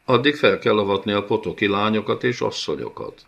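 A man's voice: fairly low pitch, lively intonation, creaky, fairly bright tone, highs cut off, full character voice. A man voicing a huge, cruel male beast-warlord in an audiobook, with a sneering, mock-tender way of taunting. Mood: gloating cruel. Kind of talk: audiobook character voice.

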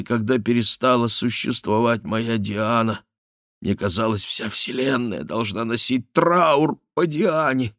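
A man's voice: mid-range voice, creaky, no echo, studio quality, pitched above the performer's own voice. A man reading the part of an old baron maddened by grief for his daughter, in wailing, accusing outbursts. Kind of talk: audiobook character reading.

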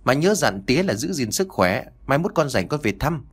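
A man's voice: medium pitch, big pitch swings, normal speed, husky. A man voicing a young wife who answers hesitantly and stammers while hiding her misery. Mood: strained.

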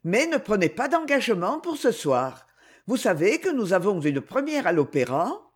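A woman's voice: medium pitch, sing-song, moderate pace, slightly rough. A woman playing a proud old duchess. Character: proud aristocratic older duchess, doting mother.

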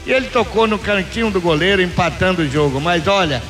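A man's voice: high-pitched, fairly quick, fairly bright tone. A Brazilian man giving conversational live match analysis on the radio, often repeating himself. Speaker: football analyst. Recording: radio broadcast with music behind.

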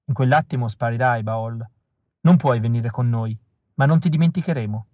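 A man reading an audiobook, voicing a tender and resolute rebel woman in a soft, earnest, measured way. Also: mid-range voice, no echo, natural voice.

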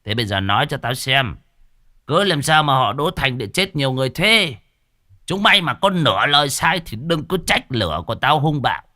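A man voicing a stern old male exorcist master who gives gruff commands. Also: fairly low pitch, big pitch swings, moderate pace, sharp tone, no room sound, studio quality, heavily acted. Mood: threatening.

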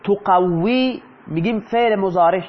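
A man's voice: high-pitched, muffled recording. A man teaching Arabic grammar in Persian, often asking his students a question and then answering it himself. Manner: asks the class questions and answers them himself. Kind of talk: explaining lesson in Persian.

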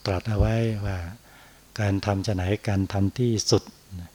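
A man, a Buddhist monk, giving an unhurried dharma talk on meditation and tagging his phrases with a soft particle. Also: fairly low pitch, little pitch movement.

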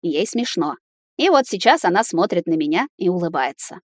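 A woman narrating a first-person novel as an audiobook, in a wry, even storytelling tone. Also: fairly low pitch, moderate pace, dry recording, clean studio sound. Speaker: audiobook reader.

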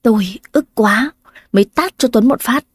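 A woman's voice: on the high side, normal speed, husky, dry recording, studio quality. A woman narrating a first-person family drama, plaintive and emotional in her own lines. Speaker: storyteller.

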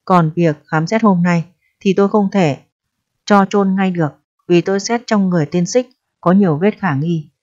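A woman's voice: fairly low pitch, moderate pace, darkish tone, close to an everyday voice. A woman voicing a stern, greedy male district mandarin who speaks in a cold, haughty way. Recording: dry, dull lo-fi recording.

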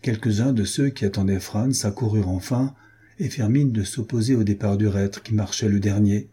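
Very husky, low-voiced male narrator. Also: normal speed, mellow. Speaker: audiobook reader. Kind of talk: scripted narration.

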